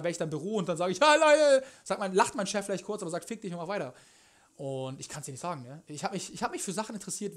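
A young man chatting casually on a cooking livestream, rambling and joking in loose slang as he answers his chat. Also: high voice. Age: young adult. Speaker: live streamer, cooking show host. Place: home kitchen, indoors. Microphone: headset.

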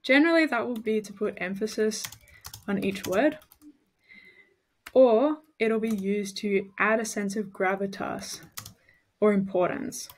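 An Australian woman who works as a tutor gives a study-tips lesson, explaining things clearly and methodically and using her voice to add emphasis. Her pitch is mid-range, and she speaks unhurriedly with long pauses.

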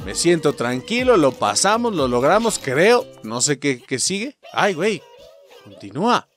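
A young man with a Mexican accent narrates his gameplay in a very lively voice that swings widely in pitch. He sits a bit above the usual male pitch, keeps cussing, and turns to his viewers with a playful, fired-up manner. Faint game music runs underneath. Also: measured pace. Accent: Mexican Spanish. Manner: animated, swears often, keeps addressing viewers as "muchachos". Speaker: gameplay streamer. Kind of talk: excited gameplay commentary.

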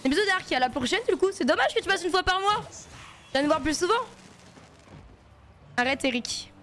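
A woman's voice: very high voice, expressive, brisk, a bit bright, a little hiss or hum. A woman streaming a game, chatting loosely with her viewers in slangy talk while she plays. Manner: chatty, slangy, talks to chat while playing. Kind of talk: casual gaming stream chat.

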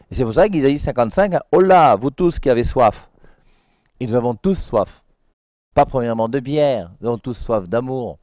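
A man, a priest, giving a conversational Sunday Bible commentary, often adding "hein" and repeating words, and reading scripture slowly and emphatically. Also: medium pitch, warm tone, no room sound, studio quality.

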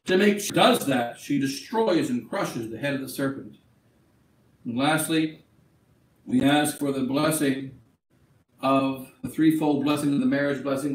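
A middle-aged man preaching a wedding sermon in a small chapel, declaiming and then dropping to quieter practical asides. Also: medium pitch. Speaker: bishop. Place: small chapel at an altar, indoors. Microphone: far camera. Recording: echoey room from a distant camera, faint hiss.

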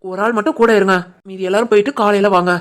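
A woman doing a brisk calm male doctor. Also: mid-range voice, close to an everyday voice. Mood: reassuring. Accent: Tirunelveli Tamil. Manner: calm, explanatory, reassuring.

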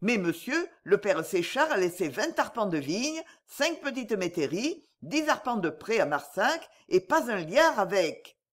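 A woman's voice: mid-range voice, very animated, a little slow, hardly any pauses. A woman voicing a cautious, suspicious former provincial lawyer in an audiobook, guarded in his words. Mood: wary. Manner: guarded, wary.

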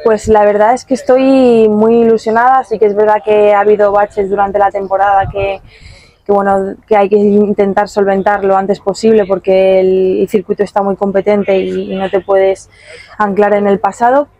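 After a match, a young woman padel player answers interview questions at an outdoor tournament stand, speaking into a handheld mic. She sounds calm and measured, with a medium pitch and plenty of fillers, and the recording is rough.

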